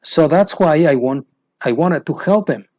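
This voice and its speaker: With a fairly high, darkish, expressive voice and an unhurried pace, a Mexican man with a Mexican accent, a Spanish speaker, talks teachers through an English method. He repeats points and often asks "you know why?" with rising emphasis. The recording has no room sound and the highs are cut off.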